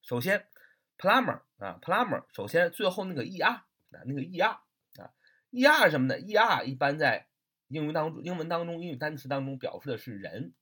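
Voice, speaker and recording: A man's voice: a little high, very animated, fairly quick, pushed and bright, breathy edge. A man teaching English vocabulary in a chatty way, spelling words out letter by letter and asking rhetorical questions. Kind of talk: lively vocabulary lesson.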